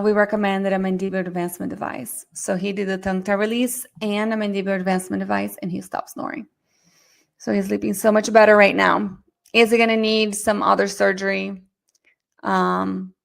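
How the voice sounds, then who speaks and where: Fast-talking woman teaching a webinar. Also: mid-range voice, creaky. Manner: fast, chatty, addresses audience directly. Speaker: myofunctional therapy instructor. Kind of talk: live online webinar lecture.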